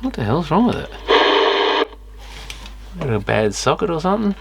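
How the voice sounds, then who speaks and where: A man with a slightly high, very animated voice talks at normal speed while looking over gear, muttering and grumbling a little to himself. He's an electronics repair vlogger in his workshop, and the clicky external camera mic is clearly noisy.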